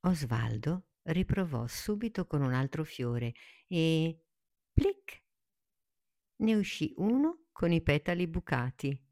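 Slow, low-voiced woman reading a fairy tale. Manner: slow, calm and soothing. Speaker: storyteller. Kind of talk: children's story reading.

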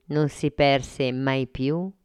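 A woman reading a children's story aloud in a calm, clear manner. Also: extremely low pitch, drawn-out words, dry recording, studio quality.

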